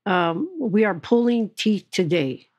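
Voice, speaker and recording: A woman's voice: mid-range voice, lively intonation, slow pace, darkish tone, dry recording, clean studio sound. A woman hosting a podcast, speaking earnestly to her audience. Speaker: podcast host. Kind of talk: podcast interview.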